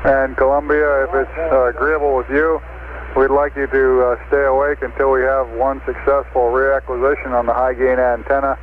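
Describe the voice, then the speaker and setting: Give me a man calling over a crackly two-way radio, measured and procedural, with heavy static behind him. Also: mid-range voice, level tone. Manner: measured, with frequent "uh" pauses. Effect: heard over a crackly two-way radio link. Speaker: mission control communicator. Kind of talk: clipped radio procedure talk. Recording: noisy phone-like radio transmission.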